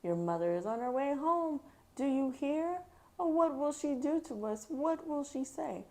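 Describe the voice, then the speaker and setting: Lady doing a worried bossy pet fish from a kids book, high pitched, urgent warnings. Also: lively intonation, a little slow, a little mellow. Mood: alarmed.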